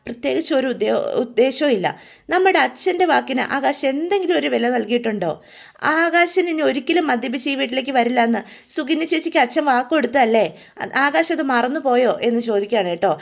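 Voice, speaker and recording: Chatty woman storyteller, high gravelly voice. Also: expressive, fast talker. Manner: chatty, tags lines with a friendly 'you know'. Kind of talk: casual retelling of a drama episode.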